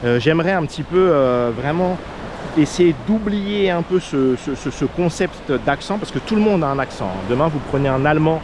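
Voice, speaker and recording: With waves and traffic in the background, a French vlogger and expat coach under 40 offers casual advice. His voice is on the high side with lively intonation and a normal speed, and he's earnest, accented and heavy on fillers.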